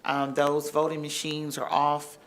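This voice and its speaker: Deep-voiced woman council member. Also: monotone. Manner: reassuring, halting with fillers. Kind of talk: meeting discussion. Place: council chamber.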